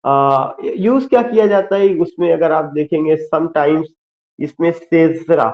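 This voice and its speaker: A male literature teacher giving an online lecture, speaking deliberately and spelling out terms letter by letter. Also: fairly high pitch, muffled recording. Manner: slow, deliberate, spells words letter by letter, mixes Hindi and English. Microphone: screen-share with whiteboard, computer mic.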